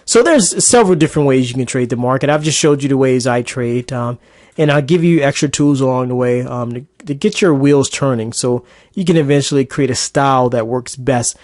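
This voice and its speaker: A man's voice: mid-range voice, a little fast, darkish tone, dry recording, clean studio sound. A man coaching traders in a casual, chatty screen-recorded market recap lesson. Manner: casual, chatty, with fillers and asides. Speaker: trading coach.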